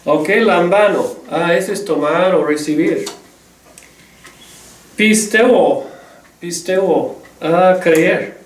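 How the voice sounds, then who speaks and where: A man teaching a Greek lesson, patiently drilling word forms with many drawn-out "ah" fillers. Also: high-pitched. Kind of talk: slow spoken language lesson. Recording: echoey room, voice far from mic.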